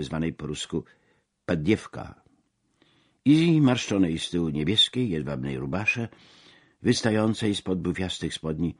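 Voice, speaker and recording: Deep husky male audiobook narrator. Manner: measured, expressive reading. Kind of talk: scripted audiobook narration of a memoir.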